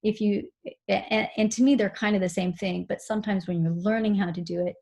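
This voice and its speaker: A woman giving a recorded seminar on mindful running, explaining calmly with frequent fillers. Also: mid-range voice, fairly quick, creaky, highs cut off. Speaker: running instructor.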